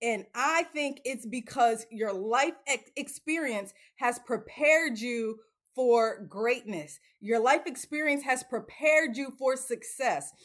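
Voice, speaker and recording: A woman in her late thirties speaks to camera in a casual, motivational way. Her voice sits a little high, and she leans on words for emphasis and repeats phrases to drive points home. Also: slow pace. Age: 30s. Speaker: self-help channel host.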